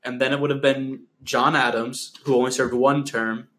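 20 yr old dude rambling thru a joke history chat on a podcast, laughs a lot. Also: male voice, mid-range voice, level tone, normal speed, a bit bright. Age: 20s. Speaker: podcast co-host. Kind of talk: casual comedic chat.

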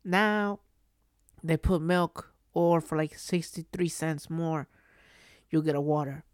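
A woman's voice: sits low, takes it slowly, clean tone, no room sound, studio quality. A woman hosting a solo podcast, telling stories casually in a rambling way that circles back and repeats phrases. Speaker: podcast host.

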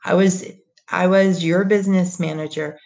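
A woman's voice: on the low side, steady tone, moderate pace, darkish tone, close to an everyday voice. A woman voicing a proud, restrained middle-aged father who speaks firmly. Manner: firm, controlled.

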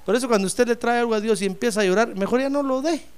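A man's voice: extremely high pitch, fast talker, smooth. A man preaching a sermon with fervor, calling his listeners brother and acting out the voices he quotes.

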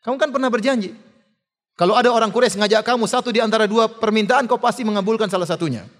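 A man giving a religious lecture, telling a story in a lively way, with fillers and laughs. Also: sits high, fast talker. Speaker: preacher. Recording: long hall reverb.

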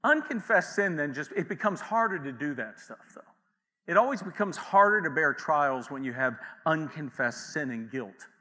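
A man's voice: fairly high pitch, big pitch swings, moderate pace, sharp tone, big-room sound. A man preaching a sermon as pastor, in a conversational way with asides and acted quotes.

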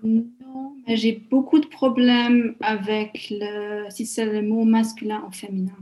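A woman's voice: a little high, little pitch movement, a little slow, darkish tone. A Hungarian woman speaking French as a second language with a Hungarian accent, talking hesitantly as an interview guest with fillers and small slips.

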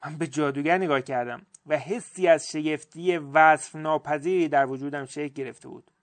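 Brief: male narrator for an audiobook, first person, measured and expressive, a little high-pitched. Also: no echo.

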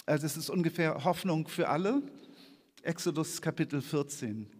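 A man preaching in a church, reading scripture aloud in a lively, expressive way with casual asides. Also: fairly high pitch, normal speed. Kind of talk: sermon reading scripture with slides. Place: church hall. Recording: long church reverb.

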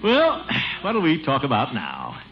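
Pompous, chuckling bigwig for old-time radio comedy, slow, lively pitch. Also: male voice. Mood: jovial. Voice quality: chuckling, blustery, sings in a crooner style. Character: pompous blustering middle-aged man, city official. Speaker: lead character singing a ballad. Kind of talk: 1940s radio comedy acting. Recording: dull old radio broadcast with loud music.

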